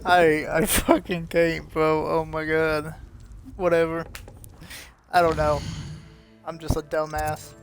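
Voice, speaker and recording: A man's voice: a little high, level tone, takes it slowly, gravelly, pauses often, soft background music. Rambling, cursing young male streamer. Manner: rambling, heavy swearing, laughs at himself. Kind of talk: casual live-stream chat.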